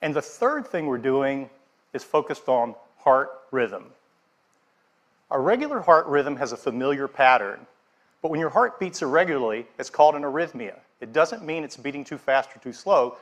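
A middle-aged man giving a keynote on a large theater stage. His delivery is steady and scripted, through a headset mic, with a mid-pitched voice. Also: moderate pace. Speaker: product presenter. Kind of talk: keynote presentation.

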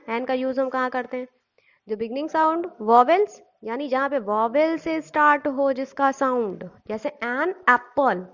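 A woman's voice: high voice, dull audio. A woman teacher giving a classroom grammar lesson. She asks questions, answers them herself, and spells words out letter by letter. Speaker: school teacher.

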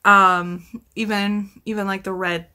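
In a small home room with a bookshelf, a woman in her thirties reviews books on video, chatting casually, enthusiastically and effusively with a slightly scratchy throat from talking. Her mid-range voice takes it slowly with a flat delivery, a sharp, clear and resonant tone.

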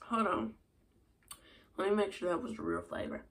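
A young woman with a hoarse voice, chatting casually and rambling in a food review vlog. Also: mid-range voice, moderate pace, a little hiss or hum. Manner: chatty, rambling with many fillers. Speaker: vlogger.

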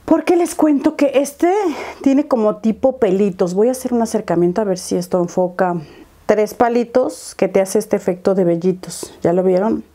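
A woman's voice: medium pitch, normal speed, warm tone. A young woman talks viewers through her makeup step by step, chatting as she works. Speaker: beauty vlogger. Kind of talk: makeup tutorial chat.

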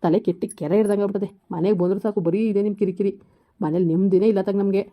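A woman's voice: mid-range voice, steady tone, racing, natural voice. A woman playing a harried husband caught between his wife and his mother, talking in an exasperated, scolding way in a village comedy skit. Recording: slightly dull lo-fi recording.

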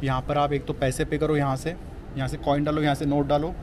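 Strolling busy city streets at night and onto a train platform, a young vlogger chats casually to viewers, filming himself with a handheld action camera at arm's length. He talks fast in a level, slightly mellow voice on the high side, with city street and station noise behind.

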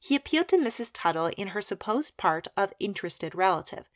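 A woman narrates a short story in a steady, even reading voice. Her pitch sits in the middle, and the sound is dry and close with no room. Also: brisk, no echo. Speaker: audiobook narrator.

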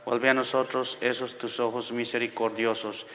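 Man, priest, forceful bright tone, flat intonation, measured prayer recitation, echoing church reverb. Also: mid-range voice. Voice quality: echoing, as in a cathedral. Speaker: priest leading the rosary. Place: large church interior, seated by the altar.

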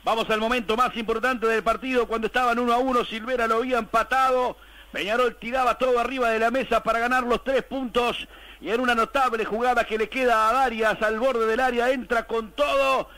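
A man's voice: very high voice, fairly even intonation, a little fast, sharp tone, no echo. A Uruguayan man hosting a football broadcast, giving emphatic match commentary on a noisy live radio feed.

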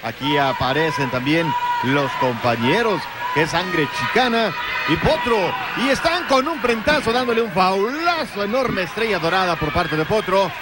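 A man's voice: high voice, animated, moderate pace. A Mexican man giving play-by-play wrestling commentary. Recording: noisy arena broadcast. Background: loud arena noise.

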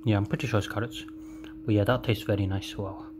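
A man's voice: on the low side, steady tone, quick pace. Man chewing while talking, noisy recording. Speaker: food reviewer. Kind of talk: casual food review vlog. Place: indoors at a table. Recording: clearly noisy home recording with hum.

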